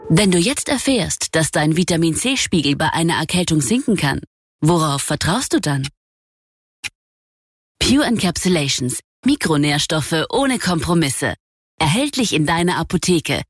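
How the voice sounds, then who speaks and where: Low husky female ad voice. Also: big pitch swings, unhurried, no echo, clean studio sound. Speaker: advertising voice-over. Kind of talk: radio ad read.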